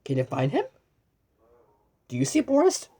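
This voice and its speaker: A woman with an extremely low, warm, husky voice reads to children, her pitch swooping wildly. The animated storybook reading is exclamatory, with questions to the listener followed by pauses as if answered, plus frequent stumbles, repeated words and asides to the viewer.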